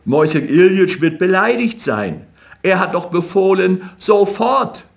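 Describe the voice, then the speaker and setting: A man doing an excitable frail messenger. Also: unhurried, gravelly, exaggerated voice. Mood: agitated. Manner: high, urgent pleading.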